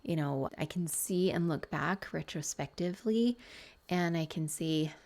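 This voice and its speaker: Woman host, personal reflective podcast talk, earnest, slightly low pitch, restarts often, drops to soft whispered asides. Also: unhurried. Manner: earnest, thinks aloud with many restarts and asides. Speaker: podcast host and betrayal trauma coach.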